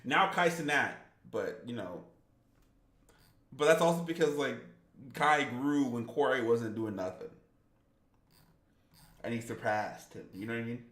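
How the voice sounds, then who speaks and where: A man's voice: mid-range voice, lively intonation, a little slow, pauses often, fairly bright tone. A man streaming games who chats casually, rambles and reads his viewers' comments aloud. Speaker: gaming streamer. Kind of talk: casual live-stream chat. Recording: roomy echo.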